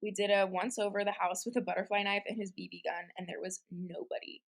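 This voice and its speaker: A woman's voice: medium pitch, flat delivery, fast talker. A woman co-hosting a casual chat and reading scary stories aloud, with a giggly, conversational manner full of "like". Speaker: podcast co-host.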